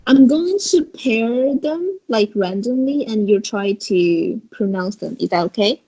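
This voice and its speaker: A woman's voice: a little high, expressive, measured pace, dark tone, husky, rough recording. A woman teaching a beginner Chinese lesson over a video call, patiently guiding her student with questions. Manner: patient, coaxing, guides with questions. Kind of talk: online language lesson.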